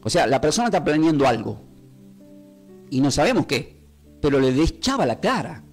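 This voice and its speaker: A man's voice: on the high side, moderate pace, faint music behind. A man with a Rioplatense Spanish accent, teaching a Bible class as a pastor in a conversational way, often checking in with his listeners. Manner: animated, conversational, asks the class frequent questions.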